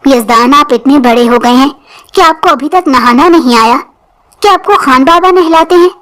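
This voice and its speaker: A patient young bride, as a woman puts her on, speaking softly and gently in a storybook. Her voice sits high and light. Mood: gentle. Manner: soft and gentle.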